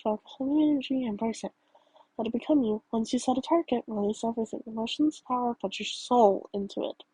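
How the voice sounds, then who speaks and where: A woman reading a second-person fan story aloud in a high, husky voice. Her delivery is casual, with small stumbles and self-corrections along the way. The tone is mellow and the recording is close and dry. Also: fast, no room sound, poor audio. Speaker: story narrator.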